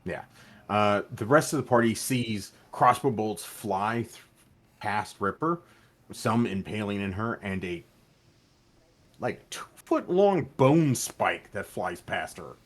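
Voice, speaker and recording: A man narrating as game master of a tabletop game, calling for checks and describing the action in a relaxed, matter-of-fact way. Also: lowish voice, slow. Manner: relaxed, matter-of-fact rules talk with fillers.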